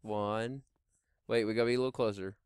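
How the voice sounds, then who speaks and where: A middle-aged man on a headset mic in a small home room, giving playful Let's Play commentary. His lowish voice is smooth and clear, and the sound is close and dry. He jumps into excited shouts whenever the game turns tense. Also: brisk, dry recording. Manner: excitable, exclaims and shouts while playing. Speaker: gaming YouTuber.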